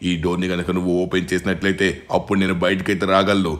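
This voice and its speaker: A young hero trapped inside a monster begs for help, voiced by a man. His voice is low and his words come quickly. He sounds urgent and pleading. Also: completely flat delivery, natural voice.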